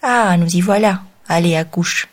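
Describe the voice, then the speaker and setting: A woman's voice: fairly low pitch, moderate pace, close to an everyday voice. A woman reading an audiobook, voicing a drunk old homeless woman with a cavernous, growling voice and coarse, mocking talk. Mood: gruff teasing. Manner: coarse, familiar, teasing.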